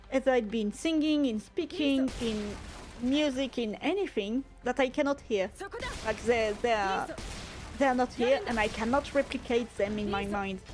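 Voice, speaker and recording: A woman game streamer with a French accent, chatting casually with her viewers, hunting for English words and letting her pitch swing all over the place. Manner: pitch swings constantly, never one steady tone; laughs often, restarts phrases while searching for English words. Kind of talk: casual live-stream chat, answering chat.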